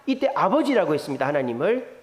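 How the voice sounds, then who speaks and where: A male pastor preaching a sermon in an animated way, putting rhetorical questions to the congregation. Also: a little high, quick pace. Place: church sanctuary. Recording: echoey church hall reverb.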